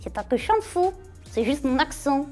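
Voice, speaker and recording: A woman's voice: high-pitched, big pitch swings, moderate pace, a little mellow, faint music behind, pitched above the performer's own voice. A woman ventriloquist voicing a cheeky, boastful male puppet who is naive and tactless. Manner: naive, tactless, self-important. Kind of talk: ventriloquist act.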